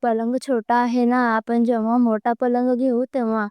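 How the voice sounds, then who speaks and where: An affectionate father coaxes his little son, as a woman reads his lines. The voice stays clear and even, recorded close and dry. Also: a little high, moderate pace, no echo, close to an everyday voice. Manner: gentle, coaxing. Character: kind father, soft and affectionate.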